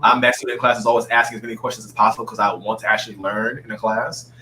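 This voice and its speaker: Bright voiced guy telling stories, acts out what people say, faint hum behind him. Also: on the low side, rapid-fire, poor audio. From Saudi Arabia. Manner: animated storyteller, acts out quotes. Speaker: guest dancer. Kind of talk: casual interview talk.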